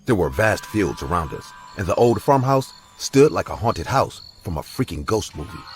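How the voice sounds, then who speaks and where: A man's voice: low voice, sing-song, moderate pace, faint music behind. A man reading a scripted horror story aloud in a dramatic storytelling manner. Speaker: narrator.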